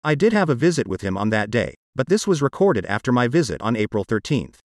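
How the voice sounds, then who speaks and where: Guy host with an old speech synthesizer voice, computer generated, pitch moves around a lot, reading a script. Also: very animated, fairly quick, a little mellow, no echo, studio quality. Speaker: podcast host. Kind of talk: scripted narration.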